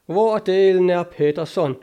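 A man reading aloud voicing a hot-tempered sailor who shouts and curses. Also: fairly high pitch, highs cut off, natural voice. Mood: angry. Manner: shouting, cursing.

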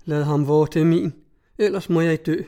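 A man voicing a lovesick young woman who pleads in fervent, slow prayer. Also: fairly high pitch, fairly even intonation, dark tone, natural voice. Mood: fervent pleading.

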